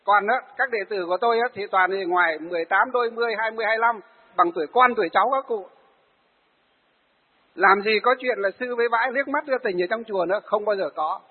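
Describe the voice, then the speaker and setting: Husky-voiced monk preaching, phone-thin hall sound. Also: male voice, sits high, quick pace, narrow, tinny audio. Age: 40s. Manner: storytelling, acts out the people he tells of. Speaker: Buddhist monk. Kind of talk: sermon.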